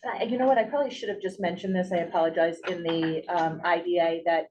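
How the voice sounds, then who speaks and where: A woman's voice: on the low side, steady tone, quick pace, darkish tone, highs cut off. A woman leading agenda items at a board meeting, talking casually with frequent ums and restarts. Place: meeting room. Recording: distant mic with faint hiss.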